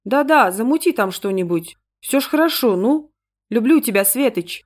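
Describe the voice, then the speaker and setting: A woman's voice: fairly high pitch, expressive, moderate pace, voice pushed up. A woman voicing a young husband who soothes his wife with feigned care, in an audiobook. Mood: placating. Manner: soothing, placating. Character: falsely caring young husband, eager to leave. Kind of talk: audiobook character reading.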